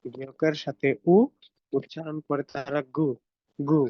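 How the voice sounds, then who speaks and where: A man's voice: fairly high pitch, flat delivery, a little slow, no room sound, lo-fi sound. A man teaching a language lesson, patiently drilling pronunciation over slides. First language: Bengali.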